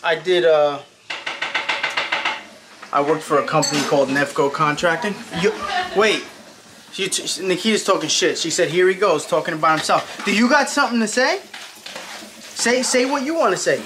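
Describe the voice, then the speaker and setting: A family vlogger in his thirties chats casually to a handheld camera held at arm's length as he moves through his home's kitchen and bedroom, rambling, teasing, and swearing often. His voice is on the high side at normal speed with frequent pauses, and the home camera audio is noisy.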